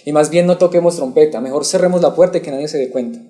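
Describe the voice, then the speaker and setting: A man's voice: on the high side, fast, warm tone. A man preaching an expository sermon to his congregation, asking them questions and waiting for them to answer. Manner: asks the congregation questions and waits for replies. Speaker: pastor.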